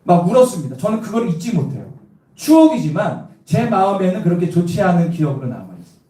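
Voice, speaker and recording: Lively pastor, high voice, echoey church. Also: male voice, quick pace. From Cheongju, South Korea. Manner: lively, asks the congregation questions, tells personal stories with humor. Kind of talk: evangelistic sermon. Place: church sanctuary. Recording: echoey church sanctuary from a distance.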